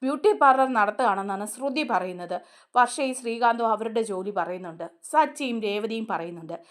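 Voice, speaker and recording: A woman's voice: fairly high pitch, moderate pace. A woman hosting a serial review, casually retelling the scenes in a chatty way and often turning to the listener. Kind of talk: casual storytelling recap of a TV serial.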